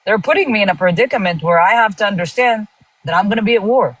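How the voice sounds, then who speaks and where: A woman's voice: mid-range voice, expressive, quick pace, no room sound, rough recording. Insistent Israeli woman arguing. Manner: insistent, talks over others. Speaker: guest on a live stream. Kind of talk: heated political debate.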